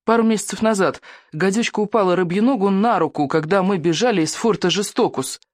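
A man's voice: high voice, brisk, dry recording, clean studio sound, voice pushed up, close to an everyday voice. A man doing an anxious, earnest young boy. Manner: earnest, urgent questioning.

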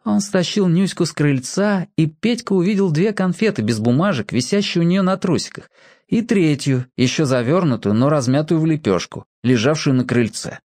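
A narrator giving an expressive storybook reading. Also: mid-range voice, moderate pace, dry recording, studio quality.

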